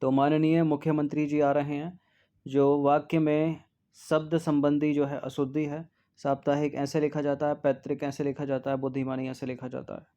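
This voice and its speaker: The recording is lo-fi: a man tutoring for a Hindi exam works through a test series answer by answer. He dwells on every spelling, says words twice, and keeps saying "ठीक है", in a slightly high, flat, even voice that is mellow and soft rather than bright.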